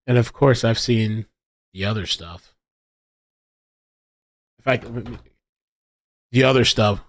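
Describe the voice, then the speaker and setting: A man's voice: lowish voice, takes it slowly, gravelly, no echo. Rambling man streaming live commentary. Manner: rambling and thinking aloud, many restarts; reads viewer chat aloud. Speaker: livestream host.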